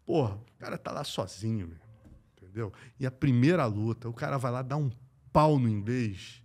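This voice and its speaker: A middle-aged Brazilian man with an accent from home, spinning a story as a podcast guest. His speech is slangy and salted with curses, and it jumps from loud bursts to near-whispers. His pitch sits in the ordinary middle for a man. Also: lively intonation, brisk, breathy edge. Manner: slangy, profane, swings between loud and hushed, acts out quotes. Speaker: podcast guest, combat sports journalist. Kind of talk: animated anecdote telling.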